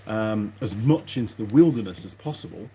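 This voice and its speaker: He's a mechanic vlogger with a fairly low, mellow, expressive voice, talking a little fast as he mutters, hesitates, and meanders through a rambling workshop chat. The workshop audio is noisy, with clicks and rustling parts.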